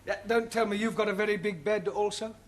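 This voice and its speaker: An actor playing a polite, long-suffering English teacher with a British accent in a sitcom. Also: male voice, sits high, fairly even intonation, fast, slight background noise, close to an everyday voice. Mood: bemused. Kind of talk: sitcom acting before a studio audience.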